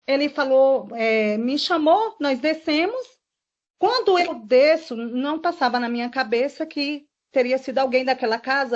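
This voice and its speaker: Brief: woman, high voice, testifying, emotional rushed retelling, dull lo-fi audio. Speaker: witness giving testimony. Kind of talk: recounting events in a formal statement. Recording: dull lo-fi recording.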